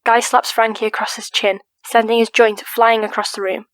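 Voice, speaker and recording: A woman narrating an audiobook crime drama in a steady, even reading voice. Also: on the high side, moderate pace, background noise. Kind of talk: scripted narration.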